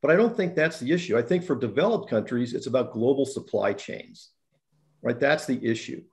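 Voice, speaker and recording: A man's voice: medium pitch, animated, fairly quick, darkish tone. Insistent older man arguing on a video call. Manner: insistent, interrupting, argumentative. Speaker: panelist, economist. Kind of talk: video-call panel debate.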